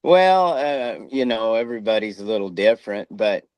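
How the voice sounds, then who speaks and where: A man's voice: on the low side, animated, moderate pace, darkish tone, smooth, no echo. A middle-aged man who speaks through missing front teeth, chatting casually in an interview in a folksy, plain-spoken way. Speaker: former rodeo rider and coach.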